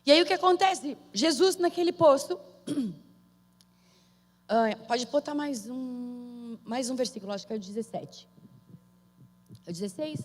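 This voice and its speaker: A woman's voice: on the high side, lively intonation, a little slow, pauses often. Brazilian woman preaching in a reverberant hall. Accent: Brazilian Portuguese. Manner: conversational, calls to the audience for amen. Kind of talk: sermon.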